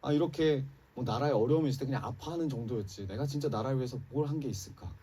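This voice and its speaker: A pastor preaches a Sunday sermon in a church sanctuary, captured from a distance, his mid-range voice rapid-fire, warm, and a bit breathy. Speaking with passion, he addresses the congregation directly, his emphasis rising and dropping.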